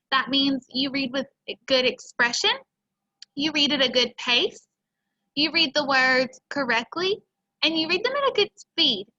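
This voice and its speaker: High bright-voiced teacher. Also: female voice, muffled recording. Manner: friendly, encouraging. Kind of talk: lesson and read-aloud for children.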